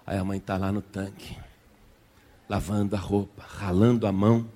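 A man's voice: lowish voice, level tone, moderate pace, dark tone, in a large hall. A male pastor preaching a sermon emphatically and repetitively, with vivid storytelling.

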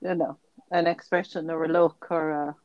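Lowish-voiced woman, dry sound. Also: little pitch movement, normal speed, darkish tone, no echo, muffled recording. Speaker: interviewer. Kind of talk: casual conversational interview.

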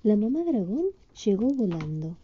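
A woman's voice: mid-range voice, big pitch swings, moderate pace, slightly rough. A woman reading a picture book aloud to a child, patiently asking questions. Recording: slightly dull lo-fi.

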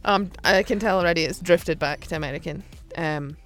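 A woman's voice: on the low side, fairly quick, faint music behind. A Scottish woman hosting a podcast in casual chat, self-deprecating and chatty, laughing often. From Scotland. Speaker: podcast host.

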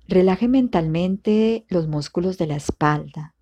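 Low, mellow, slow woman guiding meditation. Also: highs cut off. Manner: calm, soothing, measured. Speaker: meditation instructor. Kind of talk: guided meditation, slow instructions with long pauses.

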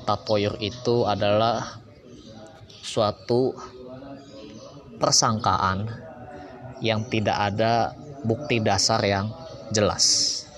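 A man preaching an Islamic lesson, explaining slowly with chatty asides. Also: on the low side, flat delivery, a bit bright. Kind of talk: casual sermon. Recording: music behind. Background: music.

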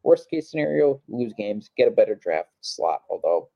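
A man's voice: fairly low pitch, sing-song, normal speed, creaky, no echo. Easygoing man on a dull lo-fi mic. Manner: easygoing, laughs often, reels off stats. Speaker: podcast co-host. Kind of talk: casual basketball chat.

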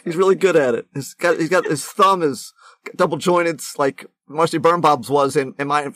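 A man co-hosting a podcast, chatting casually, joking and quick to interject. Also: a little high, a bit bright, no echo. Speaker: podcast co-host.

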